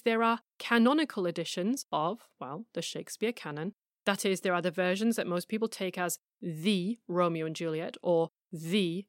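A middle-aged woman hosts a scripted podcast, speaking in a measured, emphatic way. She poses rhetorical questions and drops wry asides. Her voice sits at an ordinary middle pitch in a dry, close recording. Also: no room sound. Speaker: podcast host.

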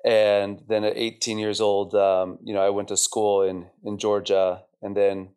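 A man in his thirties from Chile talks as an interview guest with a smooth, resonant voice. He pitches low and speaks in a relaxed way, full of fillers. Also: a little slow. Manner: relaxed, many fillers like um and you know. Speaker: school director, guest. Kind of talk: podcast interview.

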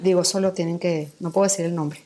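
A woman's voice: lowish voice, steady tone, fast talker, dark tone. A middle-aged woman from Mexico, a guest telling her personal story with vivid, candid emotion. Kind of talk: personal testimony in a podcast conversation.

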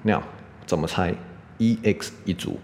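A man teaching English pronunciation on a podcast, explaining step by step, saying "OK" constantly and sounding out words slowly. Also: low voice, very animated, creaky, darkish tone. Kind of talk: casual spoken lesson. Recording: long reverb, faint background noise.

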